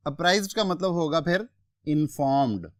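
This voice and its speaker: A man with a Pakistani accent giving an exam-prep English vocabulary lecture, explaining words in a measured way and listing synonyms one by one. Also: fairly high pitch, lively intonation, no echo, studio quality.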